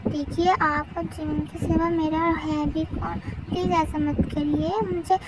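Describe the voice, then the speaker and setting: A man's voice: very high-pitched, flat delivery, a little slow. A young man doing a pleading tearful little sister. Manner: pleading, whiny. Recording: windy outdoor noise from a main road.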